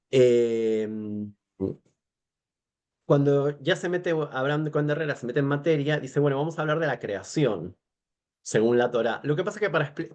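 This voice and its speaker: A man in his forties with an Argentine accent, a guest scholar in a podcast interview, talking at length with many fillers, restarts and digressions. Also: mid-range voice. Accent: Argentine Spanish. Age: 40s.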